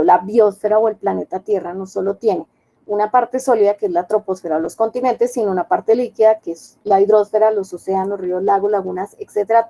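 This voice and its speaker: A woman's voice: medium pitch, mellow, rough recording. A woman teaching an online class, explaining step by step and often checking with her students. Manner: explanatory, checks understanding with questions.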